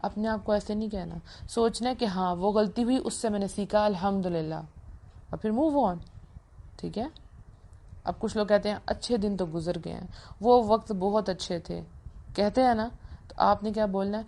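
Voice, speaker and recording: A woman's voice: medium pitch, warm tone. A young woman giving an earnest religious motivational talk, coaching listeners and mixing English phrases into her speech. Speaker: motivational speaker.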